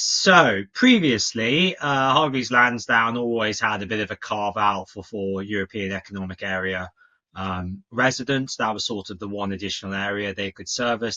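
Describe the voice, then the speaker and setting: A British man with a cold explaining things as an expert guest, in a halting, informal conversational way. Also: on the low side, sharp tone, highs cut off. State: has a cold. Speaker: senior financial adviser, interview guest.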